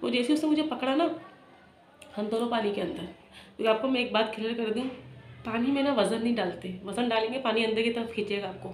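Woman retelling a loss in an echoey room. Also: a little high. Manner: emotional, halting retelling with many restarts. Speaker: vlogger. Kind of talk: personal storytelling. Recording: echoey room with faint noise.

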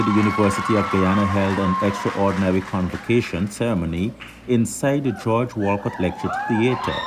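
A man with a lowish voice reads a scripted news report in a formal, measured manner. A crowd murmurs clearly behind him, with steady background noise. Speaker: news narrator. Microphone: voice-over.

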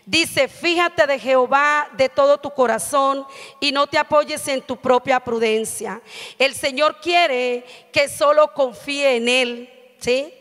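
Woman, middle-aged, sermon, high voice, earnest, handheld mic, long church reverb. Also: slow pace, a bit bright. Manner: earnest, frequent "amén" and "¿sí?" checks. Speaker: preacher. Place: church stage at a pulpit.

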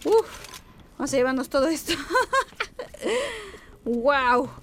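High, excitable woman gamer. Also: moderate pace, a little hiss or hum. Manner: chatty, excitable, talks back to game characters. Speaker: gaming YouTuber. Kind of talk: let's-play commentary. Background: game music.

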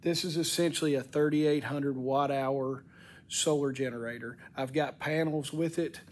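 A man's voice: mid-range voice, fairly even intonation, normal speed, a little hiss or hum. A middle-aged man with a congested, cracking voice, giving a casual, folksy product walk-through in a plain-spoken way. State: congested, voice cracking from sinus infection and allergies. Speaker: product reviewer. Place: indoor wooden-shelved workshop.

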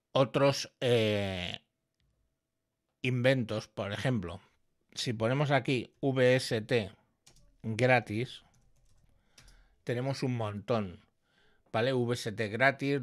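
Man, tutorial presenter, unhurried, step-by-step explaining. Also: mid-range voice. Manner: explanatory, frequent "¿vale?" check-ins. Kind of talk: screen-recorded software tutorial. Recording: echoey processed signal through audio effects.

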